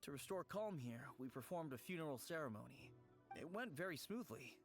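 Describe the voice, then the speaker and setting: An actor playing a timid, polite young novice undertaker in a video game, earnest and apologetic. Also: male voice, on the high side, animated, a little fast, soft background music. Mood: polite, explaining. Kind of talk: anime-style video game voice acting.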